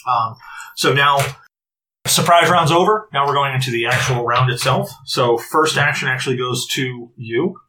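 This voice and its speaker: A man running a tabletop game as game master, describing the scene with halting, filler-laden narration. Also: medium pitch, bright, forceful tone, a little hiss or hum, rough recording.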